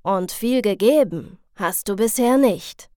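A woman's voice: medium pitch, animated, takes it slowly, a little mellow, no room sound, clean studio sound. A woman voicing a stern, dryly sarcastic male chemistry teacher with a firm, lightly mocking manner.

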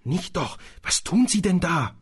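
A man's voice: a little high, sing-song, measured pace, mellow, slightly rough, voice pushed up, full character voice. A man doing an earnest young boy wizard. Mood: urgent. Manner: urgent, puzzled questions. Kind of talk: audiobook reading.

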